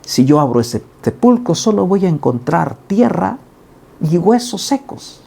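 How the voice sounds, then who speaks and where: Man, preacher, gravelly, dark husky tone, earnest sermon delivery. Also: high voice, sing-song, unhurried. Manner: earnest, rising to emphatic peaks when quoting. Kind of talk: daily Bible reading sermon.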